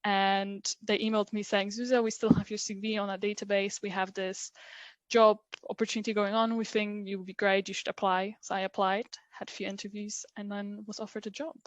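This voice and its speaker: A woman's voice: medium pitch, flat delivery, brisk, no room sound. Chatty young woman from Poland. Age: 20s. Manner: chatty, laughs often, many fillers. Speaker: interview guest, recent graduate. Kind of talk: casual video interview.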